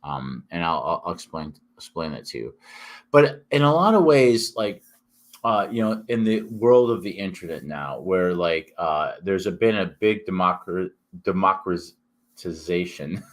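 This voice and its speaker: A man talking casually as a vlog host, rambling and halting, his speech thick as if his tongue and mouth are swollen. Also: low-pitched, lively intonation. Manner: halting, with repeated false starts and long hesitations. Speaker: YouTube host and independent author. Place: kitchen.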